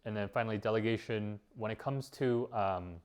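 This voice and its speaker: A man's voice: fairly low pitch, normal speed, clear, resonant tone. A man giving casual vlog advice as a business owner, rambling with many fillers and restarts.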